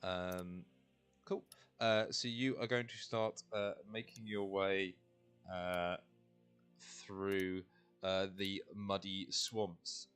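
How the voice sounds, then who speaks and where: A man working as game master, improvising narration in a halting, casual way as he searches for words. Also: low-pitched, level tone, fairly bright tone, clean tone, faint music behind.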